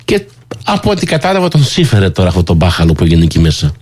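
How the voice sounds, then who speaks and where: Husky lively talk host, man. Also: no echo. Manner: acts out quoted voices in a raised pitch. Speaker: radio show host. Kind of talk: animated storytelling commentary.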